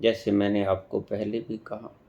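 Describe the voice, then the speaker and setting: Slow, measured spiritual teacher, man. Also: lowish voice, little pitch movement, gravelly, warm tone, lo-fi sound. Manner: slow, measured delivery with long pauses and emphatic stresses. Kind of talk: devotional discourse.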